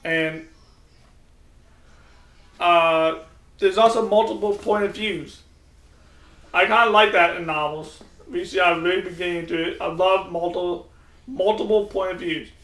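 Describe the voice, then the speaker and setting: A man's voice: high-pitched, fairly even intonation, unhurried, pauses often, sharp tone. A man giving a casual, rambling vlog book review, often restarting his sentences. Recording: echoey room, mic at a distance.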